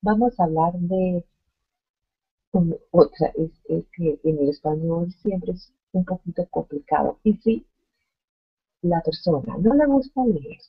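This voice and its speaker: A woman teaching an online grammar lesson, explaining slowly and reading out examples one by one. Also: lowish voice, expressive, slightly rough, lo-fi sound. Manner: slow, deliberate explaining with spoken examples. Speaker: Spanish teacher.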